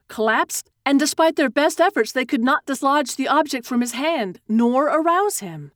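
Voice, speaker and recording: A woman narrating a story in a steady, expressive reading that slows at tense moments. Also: a little high, no room sound, clean studio sound.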